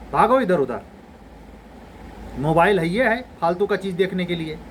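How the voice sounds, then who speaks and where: A man's voice: high-pitched, a little hiss or hum, low-quality recording. A man in his forties, an exam coaching teacher, giving students a blunt, exasperated scolding lecture.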